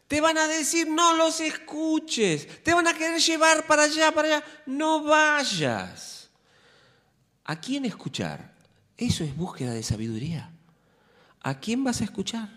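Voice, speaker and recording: A male pastor with a Rioplatense Spanish accent preaching a sermon in a lively, conversational way, with humor and many rhetorical questions. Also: a little high. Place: church sanctuary. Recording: reverberant church hall.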